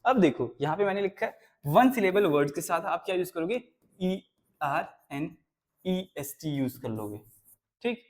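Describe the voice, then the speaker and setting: A young man with a fairly high voice teaches a school grammar lesson. He explains each point step by step and keeps checking in with his students. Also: very animated, a little slow.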